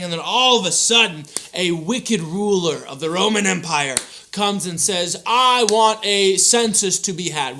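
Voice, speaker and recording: A playful man tells a story to children and speaks straight to them. His voice is high and bright, and he jokes and talks to the kids throughout. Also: slight background noise. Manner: playful, animated, uses props, addresses children. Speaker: children's pastor.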